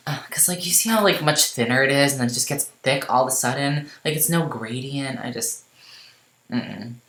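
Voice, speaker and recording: A late-teen vlogger chatting loosely over gameplay, full of fillers, asides and self-deprecating jokes. The voice sits at an ordinary middle pitch. It echoes around a roomy space. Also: brisk, a bit bright. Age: late teens. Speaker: game vlogger. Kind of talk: casual rambling chat over gameplay.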